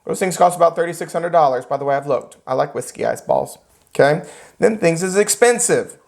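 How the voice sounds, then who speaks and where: A man with a drawl teaches a classroom of real estate students. He lectures in an animated, joking way and slips into little acted-out scenes. He talks to the room as he goes. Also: a little high, fairly quick, gravelly. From United States. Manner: animated, joking, acts out characters.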